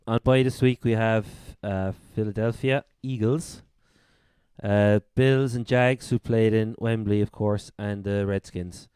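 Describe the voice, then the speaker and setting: A man's voice: fairly low pitch, steady tone, measured pace, darkish tone, clean tone, no echo. A man with a Cork accent from Ireland, co-hosting a sports podcast and casually running through updates. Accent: Irish, Cork. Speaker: fantasy football podcast co-host.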